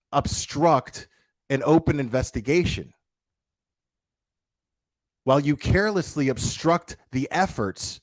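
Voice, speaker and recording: Recorded dry, a mid-range male livestreamer launches into a confrontational opinion rant, blunt and full of profanity. He hammers points through repetition and rhetorical questions.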